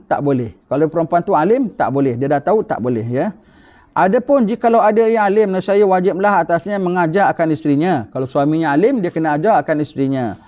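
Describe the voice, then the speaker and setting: A man's voice: a little high, darkish tone. A man giving an emphatic religious lecture with rhetorical questions, in a dull lo-fi recording. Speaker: religious teacher.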